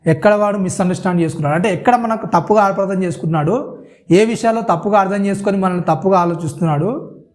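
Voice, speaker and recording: A man's voice: high-pitched, fast, a little mellow. A man preaching a sermon, constantly asking his listeners questions and repeating "isn't it so?".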